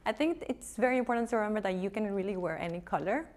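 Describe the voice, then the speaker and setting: A woman's voice: mid-range voice, animated, quick pace, a little mellow. A woman speaking as a stylist, giving conversational, informal advice and explaining as she goes.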